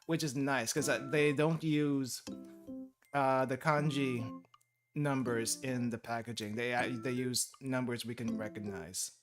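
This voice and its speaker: A young Filipino man chats casually on a study stream, thinking aloud as he studies and laughing often, with music playing behind him. His voice is mid-range, with fairly even intonation and a measured pace.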